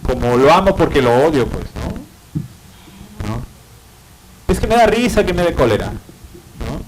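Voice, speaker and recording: A man's voice: on the high side, sing-song, takes it slowly, background noise. Lecturing man with rhetorical tag questions. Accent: Peruvian Spanish. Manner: explanatory, frequent tag questions and fillers. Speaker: psychiatry lecturer. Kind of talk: university lecture.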